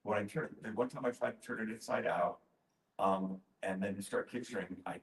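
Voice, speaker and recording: Roomy-sounding man with a low voice. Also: steady tone, normal speed, creaky. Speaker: workshop attendee asking a question. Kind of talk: casual audience question. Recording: roomy, echoing live event sound.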